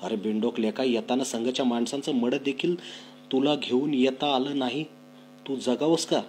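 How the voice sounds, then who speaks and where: A man playing a stern, proud village headman scolding his son forcefully. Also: medium pitch, fairly even intonation, normal speed, slight background noise, close to an everyday voice, rough recording.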